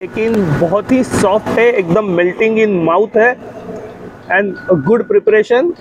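A man's voice: high voice, takes it slowly, muffled recording, noisy background. A middle-aged Indian man hosting a casual food vlog, talking with enthusiasm on a lapel mic at an open-air restaurant. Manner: enthusiastic, mixes Hindi and English. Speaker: food vlogger host.

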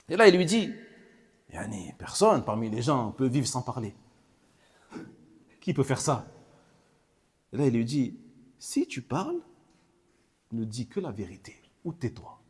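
An Islamic teacher comments on a hadith text in a religious lesson, repeating key phrases for emphasis and slipping in short Arabic phrases. His medium-pitched voice is a little mellow and husky.

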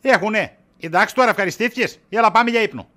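A weary shopkeeper husband, as a man acts him out, high-pitched and bright, brushing off accusations with sarcasm. He sounds worn out and exasperated throughout the comic scene. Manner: exasperated, dodging, wisecracking. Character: tired, evasive shopkeeper husband, middle-aged. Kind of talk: comedy sketch acting.

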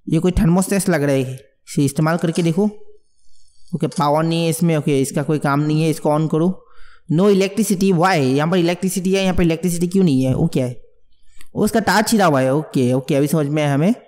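A man giving jumpy, excitable let's play commentary on a horror game, mixing English words into his talk. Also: on the high side, big-room sound. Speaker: gamer.

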